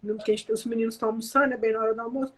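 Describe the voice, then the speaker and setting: A Brazilian therapist in her thirties, appearing as an emotional therapist guest, chats animatedly in a casual conversation, using everyday examples to explain limits in parenting. She has a Brazilian Portuguese accent and a high voice with little pitch movement, and she talks at a racing pace.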